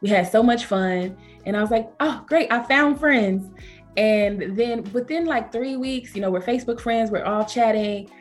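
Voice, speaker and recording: A woman with a Southern accent tells travel stories in an easygoing interview. She leaps up in pitch to act out what others said, keeping the talk lively. Soft music plays faintly behind her. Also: moderate pace, few pauses. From Georgia, USA. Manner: animated, acts out quoted speech with pitch jumps. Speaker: travel company founder, interview guest. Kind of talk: conversational storytelling interview.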